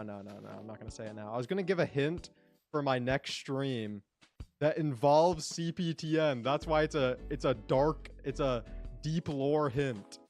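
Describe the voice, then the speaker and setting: A man streaming a game, rambling casually and talking to his chat. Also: on the high side. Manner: rambling, chatty, talks to chat. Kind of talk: casual gameplay commentary.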